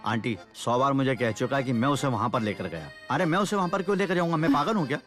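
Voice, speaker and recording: Actor as young village man, defensive, fast talker, animated pitch, faint music behind. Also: natural voice.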